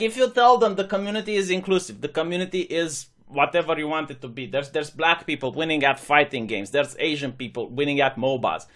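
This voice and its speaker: A man's voice: fairly high pitch, sharp tone. A young man from Romania, a channel host, giving sarcastic opinion commentary. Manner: sarcastic, mocking imitations of critics.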